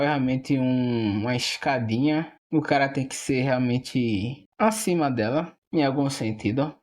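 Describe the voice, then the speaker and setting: A man's voice: mid-range voice, a little mellow. A Brazilian man giving a rambling, casual monologue to viewers, hesitant and often repeating or rephrasing himself. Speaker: video creator.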